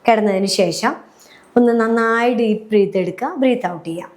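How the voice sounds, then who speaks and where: A woman, a happiness coach, calmly guiding listeners step by step through a breathing and relaxation routine for sleep. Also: medium pitch, fairly quick. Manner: calm, step-by-step, often checking "clear?". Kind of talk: guided relaxation instruction.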